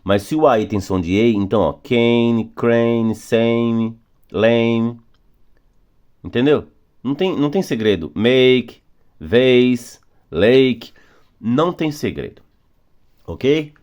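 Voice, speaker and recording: A man who speaks Portuguese natively, teaching English phonics patiently, slowing down on rules and repeating examples. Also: mid-range voice, animated, darkish tone. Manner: patient, repetitive, drawing out key words slowly. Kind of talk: phonics lesson explanation.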